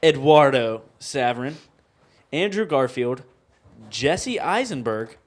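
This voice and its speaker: A man's voice: mid-range voice, big pitch swings, slow. A young man hosting a student TV quiz game, reading out questions playfully and teasing the players with countdowns. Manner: reads questions aloud, laughs often, teasing countdowns. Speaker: quiz show host.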